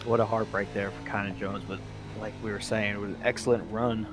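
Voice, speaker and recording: A man commentating a sim racing broadcast, rattling off finishing results quickly. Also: lowish voice, level tone, music in the background. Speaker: race commentator.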